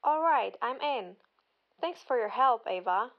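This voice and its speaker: A woman's voice: a little high, expressive, unhurried, lo-fi sound. A woman playing a friendly office employee who calls the help desk in a matter-of-fact way during a scripted support call. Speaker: caller.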